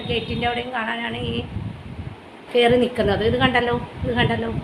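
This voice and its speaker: A woman with a Malayali accent, vlogging at home and talking to her dog in doting baby talk between chatty asides to viewers. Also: high voice. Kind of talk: casual home vlog, cooing to her dog. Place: home, kitchen area. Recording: echoey home room with faint background noise.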